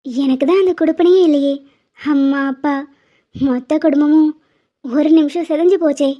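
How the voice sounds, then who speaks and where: Woman voicing a squeaky playful cartoon wife. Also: moderate pace, muffled recording, lightly acted. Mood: affectionate. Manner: teasing, bossy, affectionate. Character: playful pregnant young wife Kayal. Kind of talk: animated cartoon dialogue.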